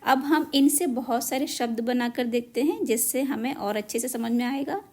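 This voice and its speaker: A woman teaching a children's lesson on letter marks, spelling out each syllable slowly and deliberately. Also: on the high side, over music. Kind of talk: Hindi matra lesson.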